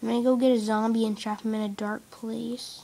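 An excitable woman chatters her way through a game indoors at her computer, her pitch sitting high with a gravelly edge. She giggles often and breaks into startled shrieks. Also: brisk. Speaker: gameplay commentator. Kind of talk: casual let's-play chatter.

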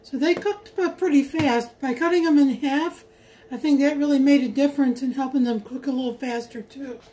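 In a homey, chatty way, a high-voiced woman walks viewers through her home cooking at a moderate pace with a warm tone. She's a home cook vlogger narrating a casual cook-along, filming on a phone held in her kitchen as she cooks.

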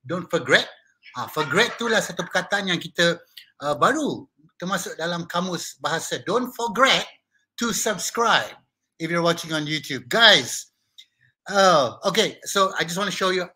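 A man's voice: high voice, bright, forceful tone. A middle-aged Malaysian man hosting a live-streamed talk show from home, chatty and playful, switching between English and Malay.

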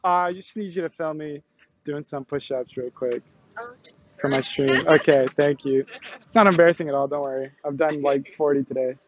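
Out of breath after doing push-ups, a sweaty young man live-streams casual chat outdoors on a college campus using a selfie stick tripod. His voice is a little high and his speed normal; he's excitable and slangy, often laughing and swearing, and the audio sounds dull.

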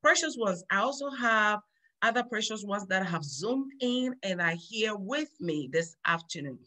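Bright-voiced woman hosting kids' class. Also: medium pitch, expressive, a little slow. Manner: warm, upbeat, repeats phrases to children. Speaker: children's Sunday school host. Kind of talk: teaching kids over video call. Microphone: video call.

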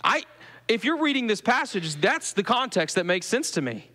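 Forceful and bright, this high-pitched male pastor with a Southern US accent speaks at normal speed with big pitch swings, questioning his congregation during a conversational sermon. Long church-hall reverb trails each phrase.

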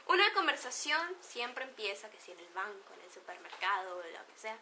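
Bright, playful Venezuelan woman vlogging. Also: mid-range voice, sing-song, moderate pace, a little hiss or hum. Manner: playful, laughs often, acts out slang examples. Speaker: beauty vlogger. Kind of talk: casual chat to camera.

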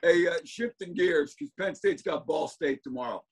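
A man's voice: on the high side, moderate pace, breathy edge. A male show host running a casual, easygoing interview.

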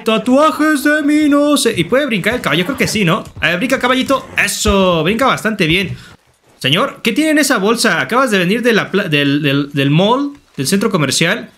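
Mexican guy doing let's play commentary, high voice swinging all over, goofy and jokey. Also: a little hiss or hum. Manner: playful, joking, loud excited outbursts. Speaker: gaming YouTuber.

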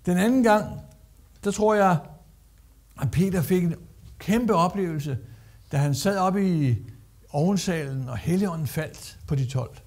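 A man's voice: high-pitched, animated, long pauses, darkish tone. A man preaching a sermon as a guest speaker, emphatic, repeating phrases and acting out quotes.

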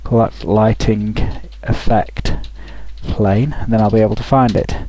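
A man talking through a software tutorial over a screen recording, thinking aloud with frequent restarts. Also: lowish voice, fairly even intonation, a little slow, dry recording, rough recording.

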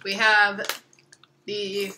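A woman's voice: medium pitch, completely flat delivery, drawn-out words, background noise. A young woman chatting casually in a home kitchen, easygoing and agreeable, often murmuring along. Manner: easygoing, agreeable, fills with "mm-hmm". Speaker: vlog co-host. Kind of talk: casual chat.

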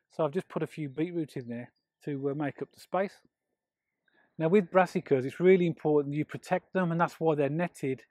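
A man's voice: a little high, no echo. Middle-aged man giving a dry, close garden tour. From England. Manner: friendly, explanatory, steady walkthrough. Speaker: allotment gardening channel host. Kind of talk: walking garden tour with tips. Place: outdoor allotment and polytunnel.

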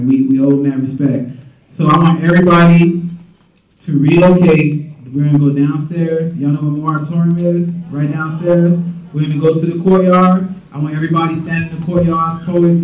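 A young man hosts a campus poetry event, talking loosely to the crowd and repeating himself as he hands out directions. His voice sits a little high for a man. He is heard from a distance in an echoey room. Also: level tone, a little fast, darkish tone, muffled recording. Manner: casual, repeats himself, addresses the crowd as y'all. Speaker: event host. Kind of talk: announcements to a crowd. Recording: echoey room, from far off the mic.

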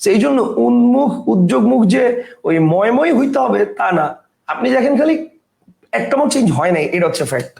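A man teaching a grammar lesson, explaining step by step and often asking whether the point is clear. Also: very high voice, expressive, brisk, a little mellow, roomy sound.

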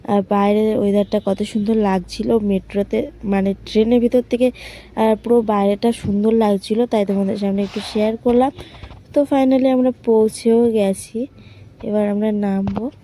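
A woman's voice: mid-range voice, steady tone, normal speed, dark tone. A young woman vlogging casually from home and a metro train, chatting to viewers and her son. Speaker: vlogger and mother. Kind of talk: casual vlog narration.

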